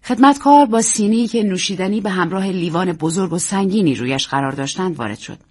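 Husky woman reading a story aloud. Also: fairly low pitch, animated, darkish tone. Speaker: narrator.

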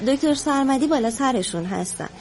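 An actress playing a courteous hospital nurse who speaks carefully and hesitantly in a radio drama. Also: female voice, high voice, expressive, darkish tone, a little hiss or hum. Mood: polite.

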